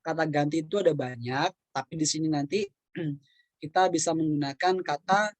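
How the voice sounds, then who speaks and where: A man teaching an online English class, explaining in Indonesian with patient repetition and frequent throat clearing. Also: fairly high pitch, steady tone, normal speed, no echo. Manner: patient, repeats words and examples, clears throat often.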